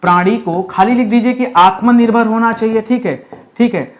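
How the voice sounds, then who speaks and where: A man teaching an exam lesson, repeating words slowly while writing and asking and answering his own questions. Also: high voice. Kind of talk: classroom-style lesson.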